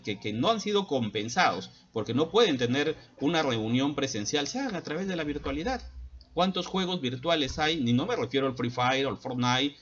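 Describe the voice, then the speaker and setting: A middle-aged man speaks earnestly to parents in a school psychologist's lecturing tone, stopping often on hesitant fillers. His voice sits at an ordinary middle pitch. The sound is dull and muffled, like lo-fi audio from a laptop. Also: fairly bright tone. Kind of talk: advice talk to parents.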